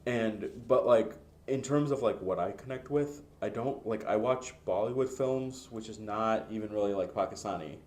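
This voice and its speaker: A man with a very deep voice hosts a relaxed podcast conversation. He feels his way through his questions, with plenty of fillers and restarts along the way. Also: moderate pace, hardly any pauses. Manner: searching, filler-heavy questioning. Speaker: podcast host. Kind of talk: casual interview chat.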